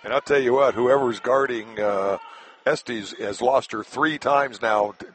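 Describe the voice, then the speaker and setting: A man's voice: mid-range voice, unhurried, low-quality recording. A male color commentator breaks into a basketball broadcast in a folksy, stop-and-start way, repeating words as he works his point out. His voice sits in a mid range. Faint noise lies behind him.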